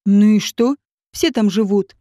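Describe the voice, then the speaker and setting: A woman's voice: medium pitch, measured pace, no room sound, clean studio sound, natural voice. A woman voicing an angry, defensive man. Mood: indignant. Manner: loud, indignant protests.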